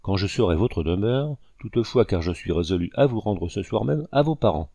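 Storybook kindly gentleman, gentle and reassuring, a man reading the part; low, mellow voice. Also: lively intonation, moderate pace, vocal fry, dry recording. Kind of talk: audiobook character reading.

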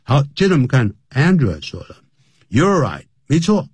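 A man's voice: mid-range voice, huge pitch swings, normal speed, a little mellow, slightly rough, no echo. A man teaching English phrases in a radio lesson, explaining each one and spelling words out letter by letter.

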